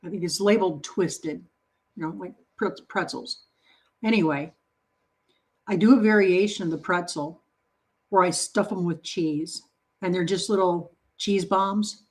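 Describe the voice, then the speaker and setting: A woman's voice: on the low side, measured pace, pauses often. Casual woman host on a home baking stream, friendly chat with viewers, encouraging and playful. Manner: chatty, reads and answers viewer comments.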